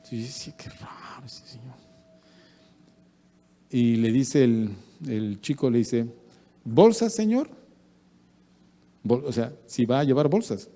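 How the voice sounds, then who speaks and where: A man's voice: medium pitch, takes it slowly, long pauses. A man with a Peruvian Spanish accent preaching a sermon, acting out everyday anecdotes. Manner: animated preaching with acted-out anecdotes. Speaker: pastor. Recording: church hall with long reverb.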